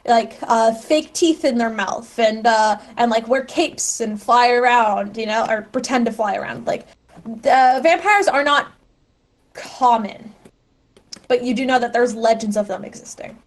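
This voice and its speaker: Woman, game master, higher pitch, casual improvised narration, halting, thinking aloud, frequent rephrasing.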